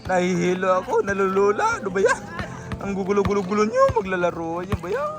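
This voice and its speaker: A woman vlogging excited play-by-play of a neighborhood basketball game, breathless, calling out plays and teasing the players. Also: mid-range voice, fast, loud music behind the voice.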